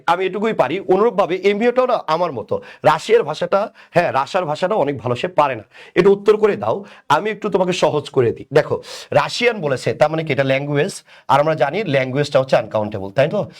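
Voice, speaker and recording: A man with a Bangladeshi Bengali accent teaching a live online English grammar class, asking and answering his own questions and teasing commenters by name. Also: fairly high pitch. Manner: conversational, asks and answers his own questions, repeats "right?".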